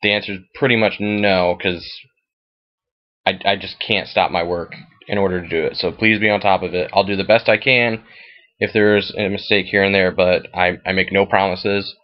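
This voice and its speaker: A fantasy football league commissioner with an American accent and a fairly low voice walks through something on his computer screen in a casual screen share. His tone is steady, his speed normal, and he explains things informally and matter-of-factly. The recording sounds a bit dull and lo-fi.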